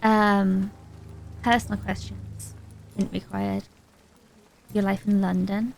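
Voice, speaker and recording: A woman's voice: mid-range voice, level tone, takes it slowly, vocal fry, faint music behind, rough recording. A woman vtuber giving casual, playful gaming commentary and chatting to herself. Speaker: vtuber streamer.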